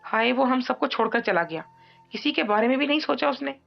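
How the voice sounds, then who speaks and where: A woman's voice: mid-range voice, animated, takes it slowly, vocal fry. A woman voicing a young woman crying with grief and stammering through her sobs in an audiobook drama. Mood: grief-stricken. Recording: dull lo-fi audio, faint music.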